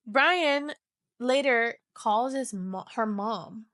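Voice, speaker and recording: A woman's voice: fairly high pitch, very slow, fairly bright tone, dry recording, clean studio sound. A woman hosting a podcast, casually retelling a true-crime story in a loose, chatty way, with many "so" and "you know" fillers. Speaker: podcast host.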